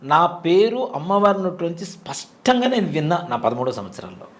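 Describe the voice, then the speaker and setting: A man's voice: a little high, sing-song, fairly quick. A man in his forties telling a personal story in an interview, retelling it vividly and acting out the voices he quotes. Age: 40s. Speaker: interview guest recounting a temple experience. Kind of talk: conversational storytelling.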